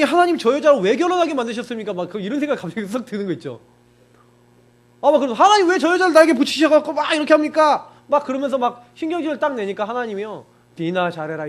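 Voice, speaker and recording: A middle-aged male pastor preaching in a high, bright voice. His pitch swings widely as he tells personal stories. He keeps it conversational and acts out his own thoughts with emphatic asides. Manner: animated, conversational preaching with frequent emphatic particles. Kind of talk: sermon with personal anecdotes.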